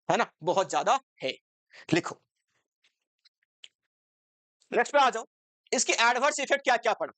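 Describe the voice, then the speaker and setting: A woman's voice: mid-range voice, fairly bright tone, no echo. A woman teaching an exam-focused commerce lecture, asking the class rhetorical questions and switching between Hindi and English terms.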